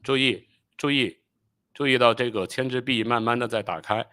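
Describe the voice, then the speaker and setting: A man hosting a live stream, explaining rocket launches and pausing often with fillers. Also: medium pitch, bright, forceful tone, no echo, clean studio sound. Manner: explanatory, with frequent filler pauses; apologetic and hurried while fixing playback. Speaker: channel host.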